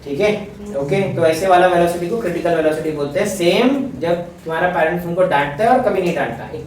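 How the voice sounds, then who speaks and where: A man's voice: a little high, fast, slight background noise. Joking male teacher in echoey classroom. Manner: chatty, joking, mixes Hindi and English. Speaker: physics teacher. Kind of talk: classroom lecture. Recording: echoey classroom, mic far off.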